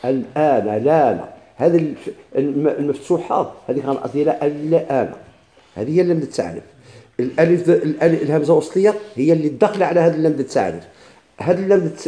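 Quick Moroccan man teaching, dark voice. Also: mid-range voice. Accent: Moroccan Arabic. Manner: asks the class questions and answers them himself; repeats words slowly, with many restarts. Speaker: teacher of Quran recitation. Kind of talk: classroom lesson explaining a text.

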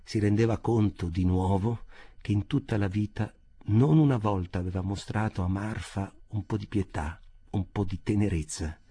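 A man narrating a literary audiobook in a measured, expressive storytelling manner. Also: on the low side, breathy edge.

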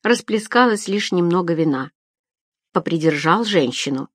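A woman narrating a story aloud in an even, expressive manner. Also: on the low side, normal speed, dry recording, clean studio sound. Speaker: audiobook narrator. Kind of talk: scripted narration.

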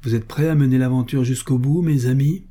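Storybook role: man playing a terse, decisive young sergeant, dark husky voice. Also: mid-range voice, steady tone, a little fast, close to an everyday voice.

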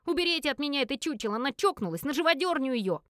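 A woman voicing a spoiled, scornful young man who sneers loudly and dismissively. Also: high-pitched, expressive, racing, no room sound, studio quality.

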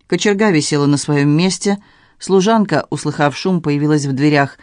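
Man narrating an audiobook, slightly high voice. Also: moderate pace, a little mellow, dry recording, studio quality. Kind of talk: scripted narration.

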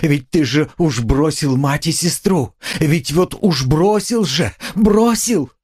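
A man voicing a devout young woman who pleads with high, trembling urgency in an audiobook. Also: lively intonation, slow pace, breathy edge, heavily acted. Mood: fervent pleading. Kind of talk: audiobook character reading.

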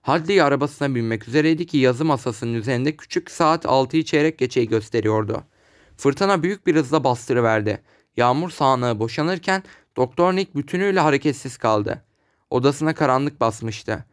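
A man narrating an audiobook in a steady storytelling manner. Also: mid-range voice, normal speed, smooth, no room sound, studio quality. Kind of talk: scripted narration.

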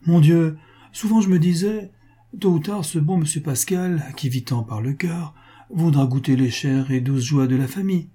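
Man reading as a fond young wife, gushing and lively, raised pitch, husky dark voice, storybook. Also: normal speed. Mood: eager. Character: affectionate young wife, warm and eager.

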